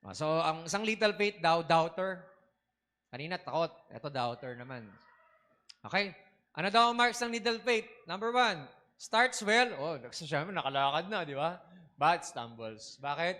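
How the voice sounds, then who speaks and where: A man preaching as a bishop in a high, bright, tense voice. He keeps checking in with the congregation through short questions and slips English phrases in between. His sermon delivery is lively. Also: unhurried.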